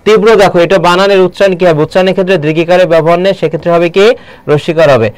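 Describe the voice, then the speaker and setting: A man teaching a live online Bangla lesson, keeps asking the viewers questions and slows down to read poem lines aloud. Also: high-pitched, steady tone, no echo. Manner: quizzing viewers with repeated questions.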